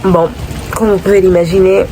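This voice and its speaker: A woman's voice: medium pitch, little pitch movement, normal speed, noisy background. A woman chatting casually to camera as a vlogger, hesitant and often repeating her words and phrases.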